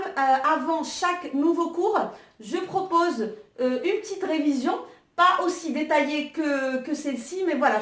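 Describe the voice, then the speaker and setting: A woman's voice: high voice, fairly bright tone, reverberant, distant mic. A woman teaching an Arabic alphabet lesson online, patiently guiding exercises with frequent hesitations.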